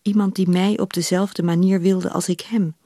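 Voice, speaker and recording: A woman's voice: on the low side, flat delivery, moderate pace, dark tone, no echo. Frank young woman, read by a woman, earnest, dry close studio sound.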